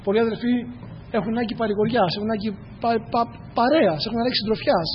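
A man's voice: high-pitched, slight background noise. A man preaching a church sermon, earnest and repetitive, speaking straight to his congregation. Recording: echoey hall, dull lo-fi sound.

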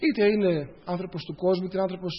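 Guy preaching to the brothers, kinda husky, telling his own stories, muffled recording. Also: high-pitched, fairly even intonation. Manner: addresses the congregation as brothers, tells personal stories; repeats phrases for emphasis. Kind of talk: sermon.

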